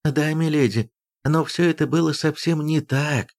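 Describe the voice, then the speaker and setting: A man's voice: fairly high pitch, fairly even intonation, normal speed, a little mellow, pitched above the performer's own voice, natural voice. A man voicing a simple, timid peasant nurse woman who speaks in an anxious, pleading way.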